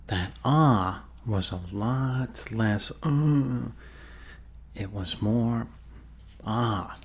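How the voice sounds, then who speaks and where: A man voices a friendly, rambling doctor in an ASMR roleplay, soothing a patient with a zombie bite through improvised soft bedside talk that is hesitant and sprinkled with jokes. His voice is medium-pitched with a breathy edge and sounds exaggerated.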